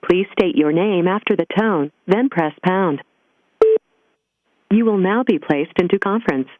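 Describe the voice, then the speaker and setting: A woman's voice giving an automated conference-call prompt in an even, scripted, machine-like delivery. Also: lowish voice, unhurried, no room sound. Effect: automated phone system prompt. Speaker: conference call system announcer. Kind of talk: recorded automated announcement. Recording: tinny phone line.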